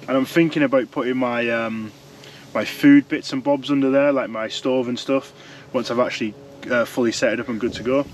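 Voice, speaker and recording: A man's voice: mid-range voice, slight background noise, low-quality recording. A young man chatting casually as he reviews fishing gear from inside a tent, rambling and restarting his sentences. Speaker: fishing vlogger.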